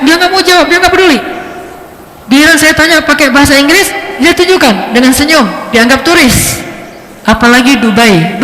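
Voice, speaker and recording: A man giving a religious lecture, telling stories with lively shifts in pitch. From Indonesia. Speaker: preacher. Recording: echoey hall.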